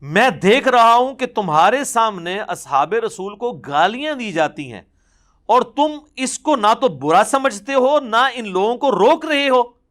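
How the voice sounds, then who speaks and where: A man's voice: very high-pitched, animated, a bit bright. A man giving an impassioned religious lecture, recounting traditions with emphatic repetition in touched by a lilt. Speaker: religious speaker.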